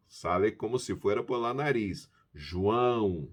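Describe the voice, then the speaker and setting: Slow, lively man teaching pronunciation. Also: mid-range voice. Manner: repeats words slowly to model pronunciation. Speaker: language teacher. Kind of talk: Bible-based pronunciation lesson.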